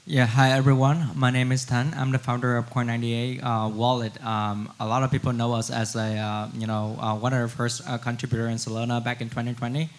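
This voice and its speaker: A man from Vietnam speaking on a conference panel, halting, with many fillers. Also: mid-range voice, flat delivery. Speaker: panelist, crypto wallet founder. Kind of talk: panel discussion answers.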